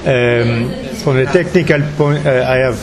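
A man from Germany whose first language is German, speaking slowly and deliberately in a group discussion. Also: medium pitch, music in the background, low-quality recording. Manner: slow, deliberate, with pauses.

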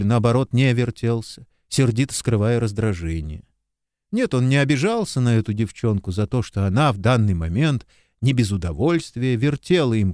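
A man narrating an audiobook in an expressive, measured storytelling voice, recorded close to the mic. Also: mid-range voice, no room sound. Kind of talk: scripted narration.

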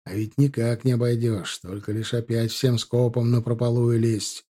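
A man voicing a young, steady ensign in an audiobook, giving brisk officer's orders. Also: mid-range voice, lightly acted. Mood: calm.

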